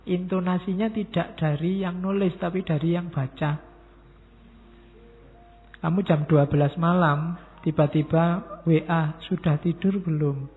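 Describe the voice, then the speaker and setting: Gravelly Javanese lecturer, tinny mosque hall. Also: male voice, a little high, fairly even intonation, unhurried, pauses often. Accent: Javanese-inflected Indonesian. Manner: talks straight to the audience, acts out quoted messages in different tones. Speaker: university lecturer giving a public lecture. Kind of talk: philosophy study lecture. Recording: tinny lo-fi sound in a reverberant hall.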